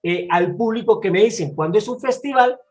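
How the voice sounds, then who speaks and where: A man from Bogotá with a Colombian accent, a storyteller talking in an interview, animated and expressive, often restarting his sentences. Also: high voice, brisk, soft background music, low-quality recording. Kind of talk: casual interview talk.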